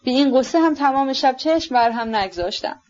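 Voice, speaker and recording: A woman's voice: high voice, lively intonation, a little mellow, dull audio, voice pushed up. A woman reading a fretful, bossy mother. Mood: exasperated.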